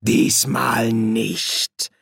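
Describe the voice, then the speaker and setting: A man voicing a smug, menacing senior male demon who speaks slowly and gloats. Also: medium pitch, little pitch movement, gravelly, a bit bright, breathy edge, dry recording, clean studio sound, full character voice. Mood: gloating. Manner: slow, gloating.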